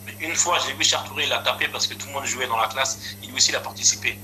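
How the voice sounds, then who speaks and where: A man's voice: mid-range voice, fast, background noise. A young man in casual chat, recalling old stories and often chiming in with agreement. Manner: relaxed, frequent agreeing interjections.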